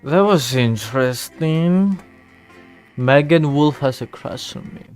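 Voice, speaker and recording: A woman's voice: low-pitched, lively intonation, takes it slowly, a little mellow. A woman streaming a game, reacting aloud with short slangy asides. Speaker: gaming streamer. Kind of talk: casual live gameplay commentary. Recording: game music playing behind.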